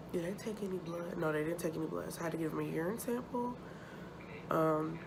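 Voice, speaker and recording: A woman vlogger chatting casually and haltingly, sounding sore and uncomfortable after surgery. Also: deep voice, gravelly. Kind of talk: casual chat, personal update to camera. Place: hospital room. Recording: noticeable background noise.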